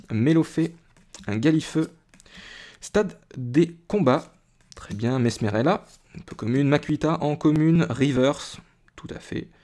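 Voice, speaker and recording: A young French card-box YouTuber talks casually to the camera, rambling and restarting often with plenty of fillers. His voice is mid-range with a darkish tone.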